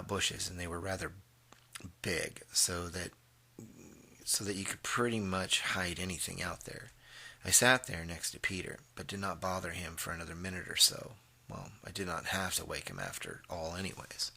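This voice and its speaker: A man narrates a first-person story in a deep, flat, steady voice. His tone has a sharp, bright edge. He hesitates with fillers and clears his throat between phrases.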